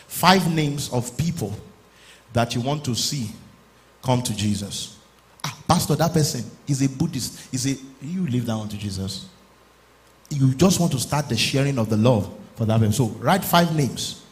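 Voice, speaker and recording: Man preaching an urgent church sermon. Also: mid-range voice. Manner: preaching, urging the congregation, rising to loud exclamations. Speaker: pastor.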